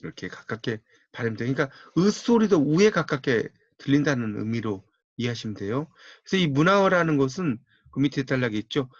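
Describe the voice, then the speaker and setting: A man's voice: medium pitch, dry recording. A man giving a classroom lecture, steadily talking students through a textbook page by page and telling them what to circle and underline. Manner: steady instructive pace, tells students to mark the textbook. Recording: dull, muffled dry audio.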